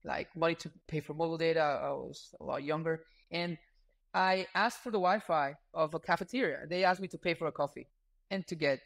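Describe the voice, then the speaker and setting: A man's voice: fairly high pitch, fairly quick, vocal fry. Thirties guy from ecuador, founder on a podcast, easygoing, lots of ums. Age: 30s. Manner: relaxed, earnest storytelling with frequent fillers. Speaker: podcast guest, startup founder. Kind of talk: casual interview talk.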